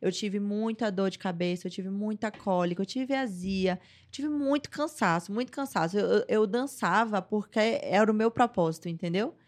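A woman's voice: medium pitch, normal speed, few pauses. Woman guest, young adult, everyday mid-range voice, candid storyteller. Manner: candid, emotional storytelling with frequent "gente". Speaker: podcast guest. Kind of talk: casual interview conversation.

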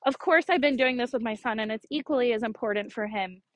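A woman's voice: on the high side, fast talker, no room sound, low-quality recording. Chatty, earnest woman podcaster. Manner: chatty, earnest and encouraging, with small laughs. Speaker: podcast host. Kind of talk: casual solo podcast talk.

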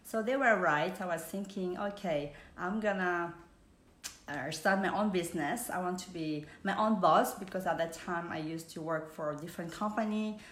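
A Swiss business speaker gives a live online presentation in a soft, low female voice at normal speed, with roomy echo. She sounds hesitant, uses many fillers and offers warm greetings.

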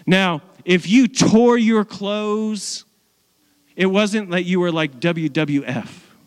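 High-voiced man preaching in a reverberant hall. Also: slow pace, clean tone. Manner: animated, acts out biblical characters in playful voices. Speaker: pastor. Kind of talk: sermon.

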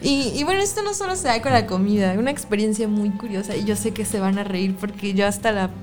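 A young woman co-hosting a casual podcast chat, animated as she tells stories, often laughing. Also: mid-range voice, fast, soft background music. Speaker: podcast co-host.

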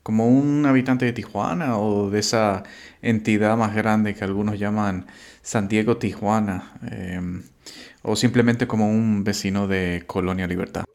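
A man hosting a podcast, reading a measured scripted introduction and asking his guest questions. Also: on the low side, steady tone, darkish tone. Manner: measured, reading names and titles carefully. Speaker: podcast host.

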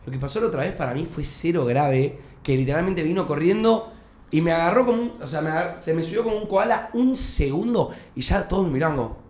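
A man's voice: on the high side, lively intonation, fast, darkish tone, reverberant. A young man with a Rioplatense Spanish accent, chatting casually and animatedly as a podcast co-host, full of slang. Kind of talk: casual chat.

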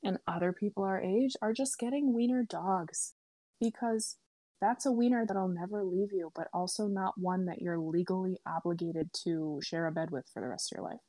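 A woman's voice: fairly low pitch, moderate pace, dark tone, no echo, studio quality. A woman in her twenties telling a story in a casual, chatty way, full of "like" and "um" and freely swearing. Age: 20s. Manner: chatty, filler-heavy, lots of "like" and "um".

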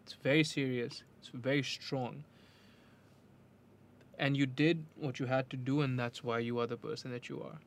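A man's voice: medium pitch, steady tone, normal speed. A man in casual conversation as an interviewer, reassuring and affirming the person he talks with.

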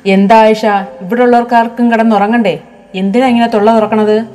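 A woman's voice: a little high, steady tone, brisk, warm tone, pitched above the performer's own voice, natural voice. A woman voicing an older mother-in-law who complains sharply, in a storybook reading with faint music. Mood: annoyed. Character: older mother-in-law, cross at being woken.

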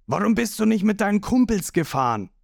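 Man doing a cold, quiet pirate fighter. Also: very animated, a little fast, vocal fry, no room sound, studio quality, full character voice. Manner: low, quiet, menacing. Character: cold, grim young male pirate fighter.

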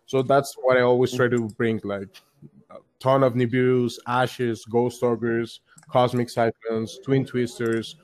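Here the young Colombian card store player sounds mid-range and flat, keeping a measured pace. It's a casual call interview, and his talk wanders with repetitive phrasing, frequent "likes" and restarts.

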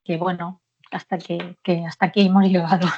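A memoir author, interviewed candidly about her own life, speaks at a normal speed in a lowish, level, gravelly voice on a muffled recording. She is warm and frank, laughs often, and uses hesitant fillers.

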